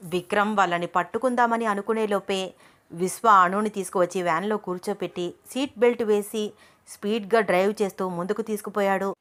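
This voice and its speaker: A woman narrating a love story as a storyteller, with expressive, scripted delivery. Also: mid-range voice, a little fast.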